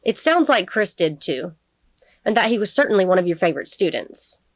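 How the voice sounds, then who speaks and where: A woman voicing a sharp, relentless female prosecutor who presses a witness with pointed, needling questions. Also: medium pitch, very animated, brisk, dry recording. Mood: pressing. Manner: pointed, needling cross-examination.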